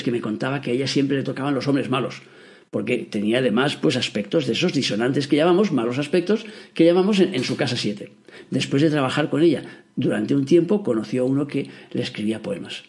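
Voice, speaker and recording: A man's voice: mid-range voice, darkish tone. A man with a Spain Spanish accent, hosting a podcast and explaining things in a chatty monologue full of fillers. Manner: chatty, many fillers like "o sea". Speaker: astrology podcast host.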